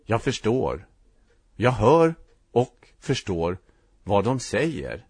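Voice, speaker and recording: A man narrating a first-person story in a reflective, halting way, with short clipped sentences. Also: lowish voice, big pitch swings, darkish tone, breathy edge, no echo.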